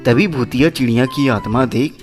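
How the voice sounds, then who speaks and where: A woman narrating a children's cartoon story slowly, phrase by phrase. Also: extremely low pitch, a little mellow, faint music behind. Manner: slow, phrase-by-phrase telling.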